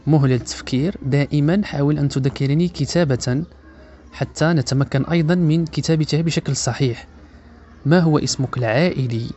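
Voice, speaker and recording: A man from Morocco teaching beginners French, stretching each model phrase out slowly and repeating it for learners to copy. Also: a little high, dark tone, lo-fi sound, slight background noise. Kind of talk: language lesson for beginners.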